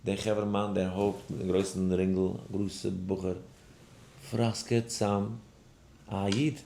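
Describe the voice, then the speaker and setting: A man with a fairly low voice teaches a daily study class as a rabbi. He tells a personal story in an animated way, with lively storytelling. The recording has a roomy echo. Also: slow pace, gravelly, slight background noise. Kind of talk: lesson with a told personal story.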